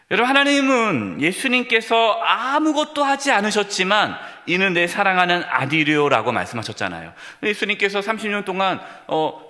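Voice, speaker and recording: A male pastor preaches with a bright, forceful voice, his pitch riding well above most men's. His delivery is lively, rising high for emphasis and dropping to soft, gentle asides. The sound carries a long reverb from a church sanctuary. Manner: earnest preaching that swings between raised emphasis and hushed, tender asides. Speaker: senior pastor. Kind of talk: sermon.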